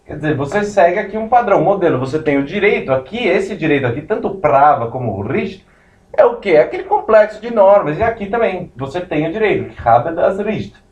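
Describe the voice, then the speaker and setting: A man's voice: high voice, lively intonation, quick pace, darkish tone. A man giving a law lecture, explaining step by step with many digressions as he writes on a board. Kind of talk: recorded classroom lecture. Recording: roomy, distant, muffled lecture recording.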